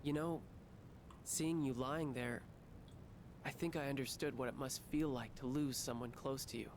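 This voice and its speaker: An actor playing an earnest, caring teenage schoolboy in a video game, speaking sincerely and expressively. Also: male voice, mid-range voice, fairly even intonation, moderate pace, slight background noise, close to an everyday voice. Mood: guilty, heartfelt. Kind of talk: scripted English game voice acting. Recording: game music behind the voice.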